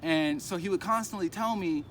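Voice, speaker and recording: A man's voice: sits high, normal speed, gravelly. Man rambling outdoors over street traffic. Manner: rambling, animated, acts out others' lines. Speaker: crypto vlogger. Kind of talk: casual storytelling vlog. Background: traffic noise.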